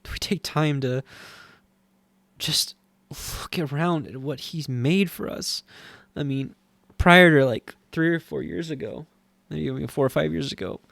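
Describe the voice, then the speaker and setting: A man teaching scripture and reading it aloud, earnest and halting, with frequent restarts and moments of strong feeling. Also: on the high side, vocal fry, fairly bright tone, no echo, clean studio sound. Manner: easily moved, voice swelling with feeling. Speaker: Bible teacher.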